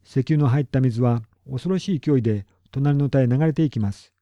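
A man reads a storybook aloud at a calm, measured pace. His voice is dark and mellow, recorded dry and close. The sound is dull and lo-fi. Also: mid-range voice, no room sound. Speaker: narrator. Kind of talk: storybook reading.

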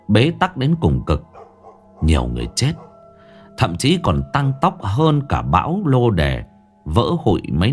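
A man narrating a ghost story in a grave, expressive storytelling voice. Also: low voice.

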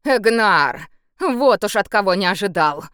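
A woman reading a cold possessive emperor, commanding, lively intonation, audiobook character, dry close recording. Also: on the low side, normal speed, clean tone, dry recording, natural voice. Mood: angry. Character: cold, possessive male emperor with a beastly temper.

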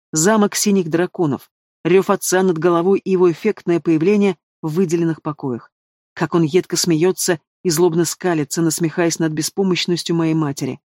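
Мужчина выразительно читает аудиокнигу. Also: male voice, high-pitched, no echo, clean studio sound. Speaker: audiobook narrator. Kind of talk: first-person fantasy audiobook narration.

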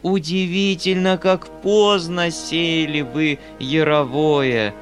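Speaking slowly in a fairly high, fairly even voice over faint music, a man performs a pompous, self-righteous male hanger-on for a dramatic audiobook. His delivery is haughty, preachy, theatrical and repetitive.

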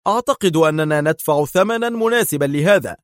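A man's voice: a little high, animated, fairly quick, no echo, clean studio sound, pitched above the performer's own voice, lightly acted. A man voicing a stern, angry male police officer who speaks harshly and gives commands. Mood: mocking.

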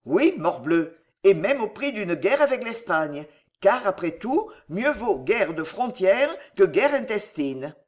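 An impulsive, fragile young king as a woman reader puts him on, speaking low with lively, swinging intonation. He bursts into eager exclamations like an excited boy. Read as an audiobook character. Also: slow pace. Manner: exclaiming, boyish enthusiasm.

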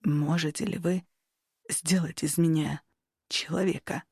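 A woman voicing a quiet, earnest android captain. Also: lowish voice, normal speed, breathy edge, no room sound, studio quality. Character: reserved male android starship captain. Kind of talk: audiobook character reading.

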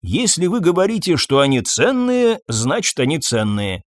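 A man voicing a calm, indifferent hotel manager who speaks in an unhurried, dryly evasive way. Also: on the high side, no room sound, clean studio sound, voice pushed up.

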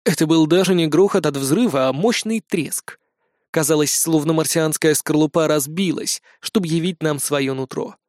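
A man's voice: on the high side, normal speed, a little mellow, no echo. A man narrating a first-person audiobook with a wry, dry-humored delivery.

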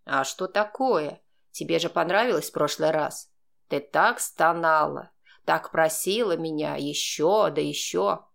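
A woman voicing a calm, mocking, manipulative man who blackmails, speaking slowly in a cold, sneering way. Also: fairly low pitch, natural voice. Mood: lewd. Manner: slow, sneering, coldly composed.

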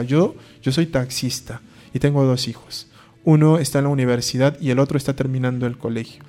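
A man's voice: mid-range voice, warm tone. A man, a priest giving a conversational talk on faith, asking rhetorical questions and acting out short dialogues. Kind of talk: conversational preaching.

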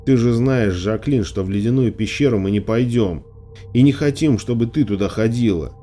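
A man's voice: medium pitch, moderate pace, dark tone, soft background music, close to an everyday voice. A male audiobook reader voicing an anxious but stubborn young girl who warns and refuses firmly. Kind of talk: audiobook character voice.

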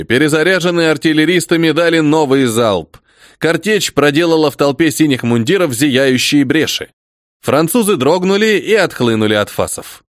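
A man reading a first-person audiobook in a dramatic, expressive manner. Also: a little high, no echo, clean studio sound. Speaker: audiobook narrator.

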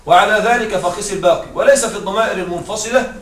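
Man, high voice, grammar teacher, classroom lecture, checks in with students often, slow spelled-out examples, echoey classroom. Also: a bit bright. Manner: keeps checking in with students with short questions; repeats and spells out example phrases slowly. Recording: echoey room with faint noise.

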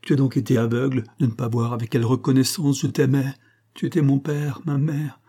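A man's voice: medium pitch, flat delivery, brisk, dark tone, husky, voice pushed up, close to an everyday voice. A man voicing a bitter, heartbroken young woman who mocks and reproaches her lover in a raised voice. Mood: angry, anguished. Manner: mocking, reproachful, rising to cries.

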